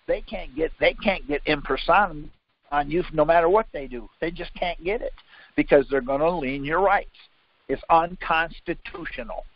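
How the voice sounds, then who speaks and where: This conference call leader, whose pitch sits on the high side, runs an informal question-driven lesson on legal theory at a normal speed. He keeps pressing and contradicting his listener, and the call audio comes through muffled and lo-fi.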